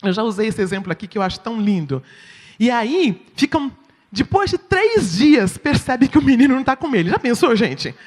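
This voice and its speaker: A woman's voice: a little high, moderate pace. A woman with a Brazilian Portuguese accent giving a sermon-style teaching talk at church, often checking in with her listeners. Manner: expressive, asks the audience "right?". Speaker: church speaker. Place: church hall. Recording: long reverb in a hall.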